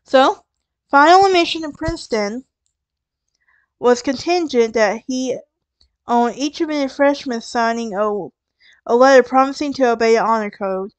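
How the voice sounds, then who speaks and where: A woman's voice: on the high side, clean tone, no room sound. A woman with a Southern US accent, narrating a true crime podcast in a conversational way, with wry asides and restarts. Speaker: podcast host.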